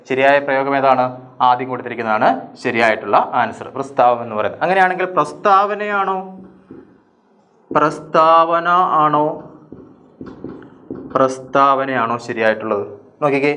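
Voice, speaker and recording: A man teaching a grammar lesson for exam students. He asks questions and answers them himself, and repeats each word slowly. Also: mid-range voice, fairly bright tone. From Kerala. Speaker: Malayalam teacher.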